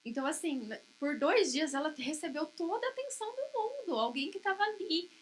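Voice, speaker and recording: A woman in her thirties giving a church talk, telling family stories and softly acting out what was said. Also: sits high, animated, brisk, a little hiss or hum. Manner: tells homely anecdotes, acting out dialogue softly. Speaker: pastor's wife preaching. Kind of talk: sermon with personal story.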